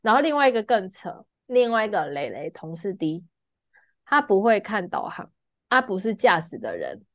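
Lively Taiwanese-accented woman storyteller. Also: mid-range voice, normal speed, dry recording, studio quality. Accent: Taiwanese Mandarin. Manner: animated storytelling, loudly acting out shouting passengers. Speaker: podcast co-host. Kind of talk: casual chat.

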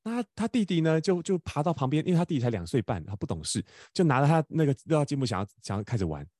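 Fast-talking host, stammering. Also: male voice, on the high side, very animated, darkish tone, no room sound, studio quality. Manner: fast, stammering restarts, laughs often. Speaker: podcast host. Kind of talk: casual storytelling chat.

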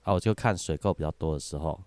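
A man's voice: a bass voice, quick pace, darkish tone, no room sound. A man, a podcast guest chatting casually and laughing often as he tells stories. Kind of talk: casual chat.

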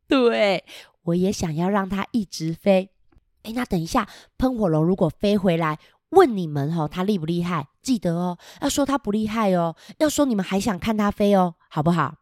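A woman storyteller, reading a picture book to children in an animated way, often asking them questions and adding playful sound effects. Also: mid-range voice, no echo, clean studio sound.

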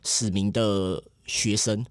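A man talking candidly as a podcast guest, earnest and quick to repeat agreement. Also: on the low side, flat delivery, no room sound, studio quality. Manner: earnest, repeats "对对对" often. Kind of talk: candid personal conversation.

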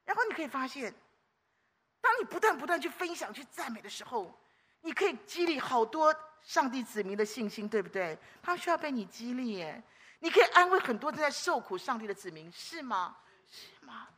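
Woman preacher, high and bright, lively storyteller with exclamations; sermon delivery. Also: fairly quick, slightly rough.

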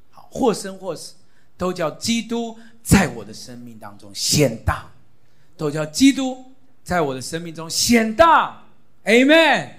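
A middle-aged male pastor preaching in an animated, exhorting way, his fairly high voice leaping up and down. He drives his key phrases home by repeating them loudly to the congregation. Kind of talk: sermon teaching on prayer.

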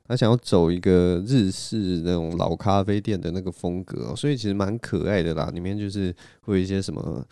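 A man hosts a solo podcast, rambling through stories in a self-mocking way. His voice is low, mellow and smooth. The close mic gives a dry sound. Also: brisk, few pauses, dry recording. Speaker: podcast host. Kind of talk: casual solo storytelling.

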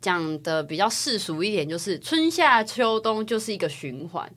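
A young woman from Taiwan, co-hosting a casual podcast chat and telling personal stories in a chatty, animated way. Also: mid-range voice, moderate pace. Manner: chatty, animated storytelling with rising excitement. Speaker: podcast co-host.

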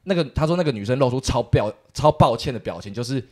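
A man telling a story as a podcast co-host, animated and acting out the people in it. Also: mid-range voice, fast. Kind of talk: casual storytelling chat.

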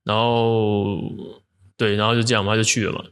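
Fast-talking Taiwanese Mandarin man, joking. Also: on the low side, little pitch movement, a bit bright, clear, resonant tone. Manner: joking and crude, loose rambling delivery with slang swearing. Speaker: fitness coach. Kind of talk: casual storytelling vlog.

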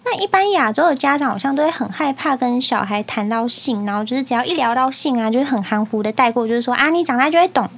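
A woman's voice: sits high, quick pace, creaky, few pauses. A young woman with a Taiwanese Mandarin accent, co-hosting a podcast and telling stories frankly in casual chat. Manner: frank, storytelling. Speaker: podcast co-host.

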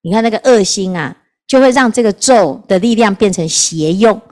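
A woman's voice: medium pitch, animated, moderate pace, darkish tone. A Buddhist nun gives a storytelling Dharma talk, asking her listeners questions as she goes. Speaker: Buddhist nun teaching scripture.

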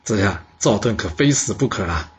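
A man's voice: fairly low pitch, animated, normal speed, slight background noise, close to an everyday voice. A man voicing a scheming, cruel male ruler in a historical story, sly and fawning. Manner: sly, fawning, shouting in rage.

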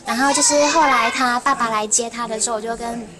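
A woman, a former cram-school teacher, telling animated stories on a podcast and laughing often. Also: fast talker, heavy background noise. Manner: animated, laughs often, acts out quotes in a shrill voice. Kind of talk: casual podcast storytelling.

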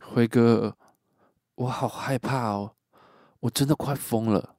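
A man doing a frightened young guy, stammering, panicky, high-pitched and quite loud, dry close sound. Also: moderate pace, no echo, lightly acted. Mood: terrified. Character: terrified young man on the phone.

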